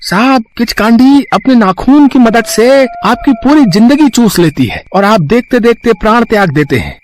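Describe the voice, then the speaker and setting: A man's voice: very high-pitched, animated, normal speed, a little hiss or hum. A man voicing an old male caretaker in a cartoon horror story, giving earnest, pleading warnings.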